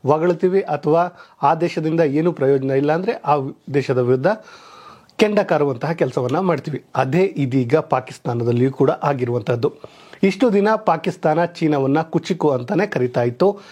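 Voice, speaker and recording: A man delivers a scripted news commentary in a somewhat high, husky voice with a mellow, dark tone. He keeps calling out to the viewers as friends, pushing his key points up in sudden emphatic bursts. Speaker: news presenter.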